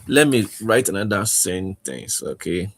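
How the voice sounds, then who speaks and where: A man gives a casual online language lesson at an unhurried, slow pace, his low voice gravelly with fry. He talks in halting bits and keeps checking in with his students. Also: sing-song. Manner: halting, repeats "okay?" to check understanding. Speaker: language teacher.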